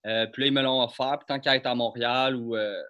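Bright-voiced man with Quebec French accent. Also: medium pitch, fairly even intonation, brisk. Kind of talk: casual chat.

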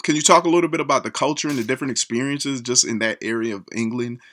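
A man's voice: medium pitch, fast, a bit bright. A man hosting a radio interview show, hyped up and rambling through long questions full of fillers.

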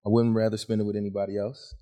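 Low-voiced young man hosting a podcast. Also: little pitch movement, very fast, warm tone. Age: 20s. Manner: profane, joking banter. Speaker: podcast host. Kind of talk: casual chat.

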